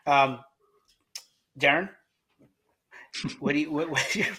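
A man's voice: fairly high pitch, slow, sharp tone. A man hosting a casual podcast chat, joking and laughing often as he steers the talk. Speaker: podcast host.

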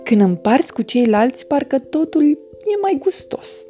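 A woman's voice: high-pitched, sing-song, mellow, faint music behind, pitched above the performer's own voice. A woman voicing a cheerful little bumblebee boy in a children's storybook reading, with eager exclamations. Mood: excited.

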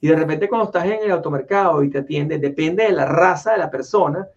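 A man's voice: fairly high pitch, fast. A man hosting a casual interview, rambling with lots of restarts and fillers. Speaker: interview host. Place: home office in Florida. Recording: dull lo-fi audio.

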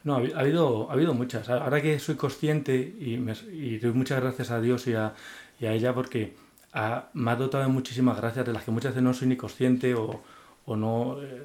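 Telling the story of his faith in an interview, this earnest guest speaks from the heart, with frequent restarts and repeated words. His voice is medium in pitch, fairly even, a bit fast, and slightly mellow.

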